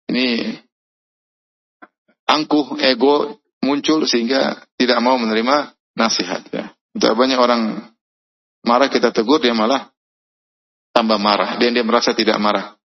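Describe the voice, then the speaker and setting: A man's voice: mid-range voice, fairly even intonation, normal speed, long pauses, lo-fi sound. A man preaching a sermon, reciting Arabic phrases, translating them, and putting questions to his listeners. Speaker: Islamic preacher.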